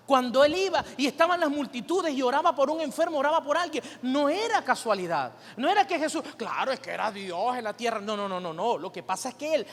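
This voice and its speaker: A male pastor preaching in a high voice, throwing rhetorical questions at the congregation and drawing answers back from them. His sermon rings with the long reverb of a church hall. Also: a bit bright.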